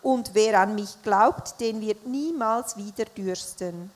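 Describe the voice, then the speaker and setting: A woman's voice: mid-range voice, takes it slowly. A woman interpreting a sermon live, following the preacher phrase by phrase with small hesitations. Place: church service. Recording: long hall reverb.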